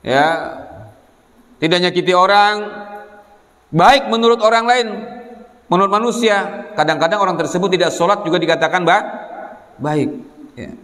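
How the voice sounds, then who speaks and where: This higher-voiced male preacher from Indonesia speaks at a moderate pace with long pauses and a slightly bright tone. Preaching to students at an Islamic boarding school, he's didactic, asking rhetorical questions and urging his audience to respond. The hall is echoey, with long reverb.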